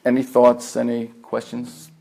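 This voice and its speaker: This man's mid-range voice is monotone and dark, with vocal fry, and he speaks with a New York accent. He's a family therapist presenting a live workshop at a meditation center, earnest and measured, repeating important phrases for emphasis.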